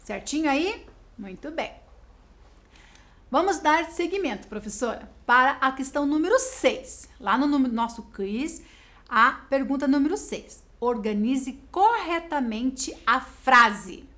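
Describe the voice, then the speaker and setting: A Brazilian woman teaching a video lesson to schoolchildren, explaining slowly and spelling out words clearly. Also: high-pitched, lively intonation, pushed and bright. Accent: Brazilian Portuguese.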